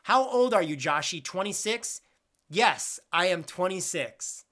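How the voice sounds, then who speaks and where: A man's voice: high-pitched, expressive, a little slow, pushed and bright. A man in his twenties chatting casually on a live stream, reading out viewer questions and rambling with jokes at his own expense. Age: 20s. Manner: rambling, self-deprecating, jokey.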